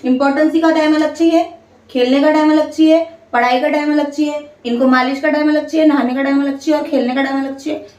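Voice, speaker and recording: A fast-talking young woman, a family vlogger with two children, cooks in her home kitchen while venting and explaining in casual chat with viewers. Her voice sits high with a darkish tone and fairly even intonation, caught by a distant mic in an echoey room with light background noise.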